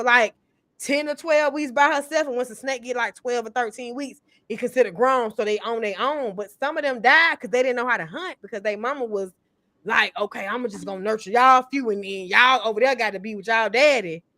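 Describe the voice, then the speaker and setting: Blunt, emphatic and full of swearing, a thirtysomething woman talks casually as a podcast panelist. Her voice sits a little high with a slightly bright tone, and there's no room sound.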